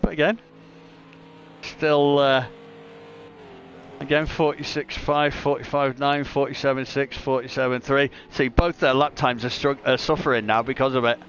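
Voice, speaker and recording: A man's voice: mid-range voice, little pitch movement, normal speed, fairly bright tone, slight background noise. A man commentating live on an online sim race, chatty and joking, reading out lap times. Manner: chatty, jokey, reads lap times aloud.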